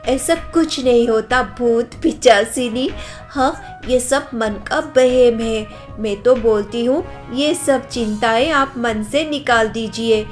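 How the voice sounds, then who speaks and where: A woman's voice: a little high, slow pace, faint music behind. A woman voicing a cheerful, carefree young daughter-in-law in a cartoon story. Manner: lighthearted, dismissive, chatty.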